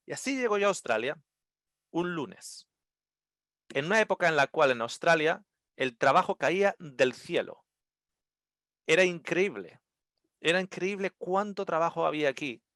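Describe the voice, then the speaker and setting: A man telling a personal story at a seminar in an animated way, acting out the voices and often restarting his words. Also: medium pitch, no echo, clean studio sound. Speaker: seminar speaker.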